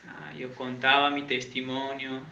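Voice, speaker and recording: A creaky, pushed and bright mid-range voice, completely flat in delivery and a little slow, belongs to an evangelical pastor from Santiago, Argentina. He gives a chatty sermon in a Uruguayan church, quizzing his listeners and joking about himself. The recording is echoey, dull and lo-fi.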